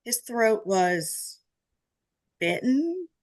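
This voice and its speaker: A woman voicing a brusque small-town male official with a creaky, drawn-out delivery. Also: a little high, very animated, darkish tone, exaggerated voice.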